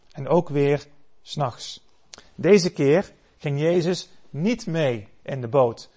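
A man preaching a sermon, telling stories dramatically and swelling loud for the cries he quotes. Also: fairly high pitch.

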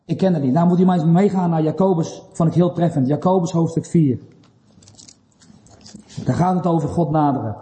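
A high-pitched man delivers a sermon, his tone mellow and earnest. He presses his listeners with rhetorical questions, building in intensity. His voice rings through a church hall with a long reverb. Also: fairly quick, long pauses, slight background noise. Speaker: preacher.

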